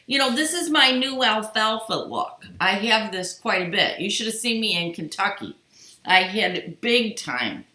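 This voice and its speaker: A woman's voice: mid-range voice, expressive, a little slow, sharp tone. A middle-aged woman hosting a live quilting stream from her home sewing room, chatting with viewers and greeting them by name. She is tired and yawning as she talks into her computer webcam. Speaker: quilting show host. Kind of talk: live-stream casual chat. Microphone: computer webcam on sewing table. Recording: roomy home-room echo.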